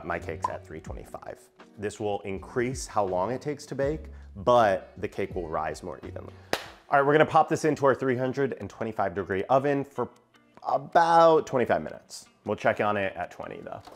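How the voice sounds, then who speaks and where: A man with a lowish voice hosts a relaxed baking tutorial. He chats playfully and sprinkles his tips with casual fillers, while faint music plays softly underneath. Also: moderate pace. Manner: chatty and playful, full of "like" fillers. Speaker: baking channel host.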